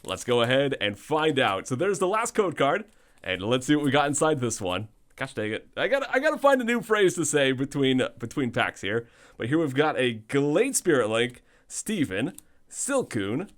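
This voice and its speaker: A man hosts in a casual, chatty commentary style. His voice is on the high side and thin, sounding weak, yet the pitch swings widely from phrase to phrase. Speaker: host of card pack opening videos.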